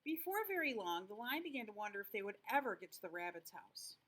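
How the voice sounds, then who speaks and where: An older woman reading a children's storybook aloud in the expressive manner of a sweet old lady. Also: medium pitch, fast.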